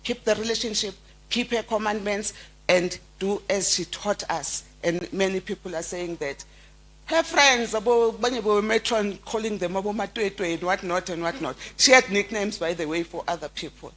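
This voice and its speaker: A middle-aged South African woman speaks at a memorial service. Her voice sits at an ordinary middle pitch. She tells personal stories in a heartfelt way, often stopping and restarting her sentences. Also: fairly bright tone. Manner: heartfelt storytelling with halting restarts. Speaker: family friend giving a tribute. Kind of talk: memorial eulogy.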